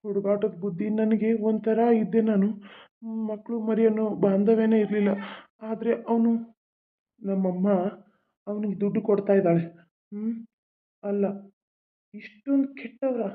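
A performer voicing a grieving young husband in a cartoon, emotional and pleading. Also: male voice, high voice, steady tone, normal speed, long pauses, close to an everyday voice. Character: grieving young husband searching for his lost child. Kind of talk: cartoon voice acting. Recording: tinny, phone-like sound.

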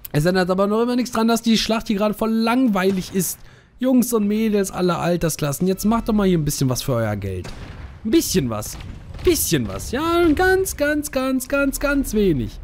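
A man's voice: high voice, darkish tone. A young man casually commenting on a tank game he is playing, joking, teasing opponents and repeating words in a sing-song way. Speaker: gaming streamer. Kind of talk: casual let's play commentary.

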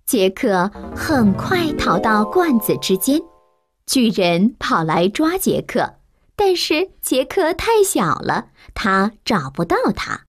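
A woman tells a children's story at an unhurried pace, her fairly high voice rising and falling expressively. The tone is soft and breathy. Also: soft background music. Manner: slow, expressive, lively storytelling.

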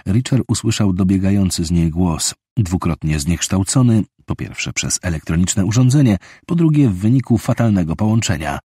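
A man narrating a thriller audiobook in a steady, measured storytelling voice. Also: sits low, slightly rough, no echo, studio quality.

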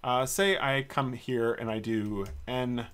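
A man's voice: mid-range voice, slow pace, smooth. A man giving a screencast coding tutorial, thinking aloud with frequent ums as he types code. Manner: relaxed, thinking aloud with many ums while typing code. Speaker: programming instructor.

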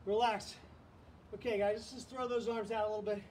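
High-pitched male fitness coach, energetic cue-calling, mic set back, faint hiss. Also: brisk. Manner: energetic, calls out counts and cues. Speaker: fitness instructor. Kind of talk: live online workout coaching. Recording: distant mic, faint background noise.

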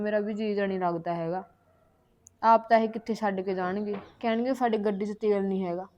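A woman's voice: mid-range voice, darkish tone, lo-fi sound, natural voice. A young woman playing a spoiled newlywed wife who whines and complains about her in-laws. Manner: whining, complaining, quarrelsome. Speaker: actor in a short film. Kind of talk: village short-film acting.

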